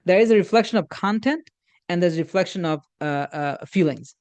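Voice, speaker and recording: Man, slightly high voice, halting lecture, lots of restarts and fillers, religious phrases, acts out dialogue. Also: a little mellow. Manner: halting, many repeated starts and fillers; uses Islamic religious phrases and Arabic quotes. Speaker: instructor on communication. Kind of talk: informal workshop lecture.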